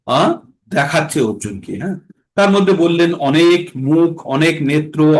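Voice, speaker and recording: A man teaching a scripture class who explains verses, asks questions and answers them himself, and chants Sanskrit verses in a slow sung tone. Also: a little high.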